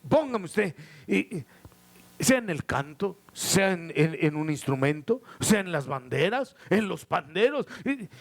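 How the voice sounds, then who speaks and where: A man preaching a live church sermon as pastor, animated, acting out voices and shouting. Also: sits high, measured pace.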